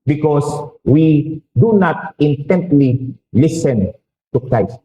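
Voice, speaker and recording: Filipino priest giving a sermon, high voice, echoey church, joking around with the crowd. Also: male voice, animated, highs cut off, a little hiss or hum. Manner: preaching with rhetorical questions and quick jokes.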